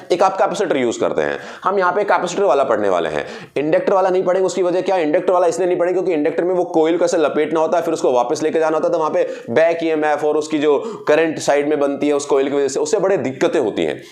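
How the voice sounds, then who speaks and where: A man's voice: fairly high pitch, a little mellow. A man teaching a physics lesson to students, asking and answering his own questions and repeating key words as he explains. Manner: addresses students directly, mixing in English phrases. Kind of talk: classroom physics lecture.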